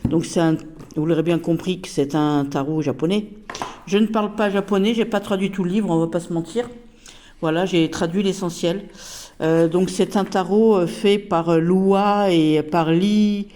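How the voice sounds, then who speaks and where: A woman's voice: lowish voice, fairly even intonation, moderate pace, warm tone. A woman casually reviewing a tarot deck, chatty and hesitant with many fillers.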